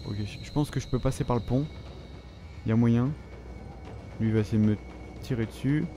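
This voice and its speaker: A man's voice: mid-range voice, brisk, mellow. A French man commenting on his own gameplay, swearing and reacting as he plays. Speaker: gamer. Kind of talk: let's play commentary. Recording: noisy background.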